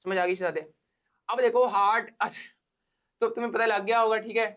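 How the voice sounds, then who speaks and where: A man's voice: high-pitched, fairly even intonation, fairly quick, a bit bright. A man with a Pakistani accent giving a casual biology lecture to exam students, explaining step by step, repeating key points and checking that they follow.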